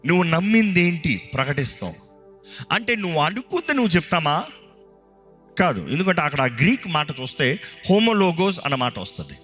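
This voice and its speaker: A man's voice: a little high, very animated, fairly quick, fairly bright tone, soft background music. A male pastor preaching a live sermon and leading prayer, fervent and emphatic, with repeated declarations and English scripture phrases mixed in. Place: church service before a congregation.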